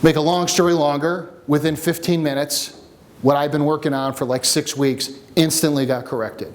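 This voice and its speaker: A man coaching a workshop group, teaching with jokes and a personal story in an animated way. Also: on the high side, normal speed, slight background noise. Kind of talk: seminar teaching with stories. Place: room with a live audience.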